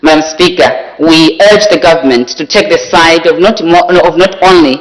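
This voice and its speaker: A young male student with a Zambian accent gives a formal parliamentary debate speech, halting and often repeating words as he searches for the next phrase. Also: on the high side, low-quality recording. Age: teenager or young adult student. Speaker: youth parliament member debating a motion. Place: debating chamber.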